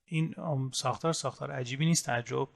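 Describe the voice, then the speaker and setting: A man teaching an English grammar lesson, explaining rules step by step and saying English example words slowly. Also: mid-range voice, vocal fry. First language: Persian. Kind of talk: recorded grammar lesson in Persian.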